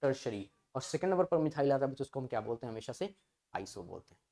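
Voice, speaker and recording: A man's voice: medium pitch, big pitch swings, fast talker, gravelly, warm tone. A male chemistry teacher giving an online class in a playful, coaxing way, asking students questions and then answering them himself. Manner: playful, coaxing call-and-response.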